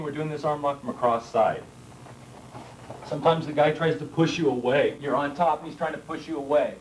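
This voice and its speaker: A man instructing from a worn VHS tape copy, his voice set a little high and heard from across a roomy hall. The tape adds a faint hiss, and he is well away from the camera mic. He talks calmly, walking through each step as he demonstrates it. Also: far from the mic. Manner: calm, step-by-step explaining while demonstrating. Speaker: martial arts instructor.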